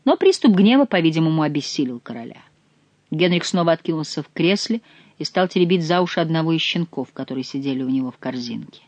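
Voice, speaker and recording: A woman narrating an audiobook with expressive storytelling. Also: sits low, quick pace, no echo, dull audio. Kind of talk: scripted narration.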